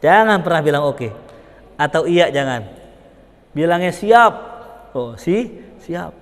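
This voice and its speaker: A young man giving an informal religious study lecture, animated and chatty, acting out little dialogues and chuckling between points. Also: takes it slowly, long reverb tail. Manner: animated, acts out dialogues with big pitch jumps, chuckles often. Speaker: religious teacher.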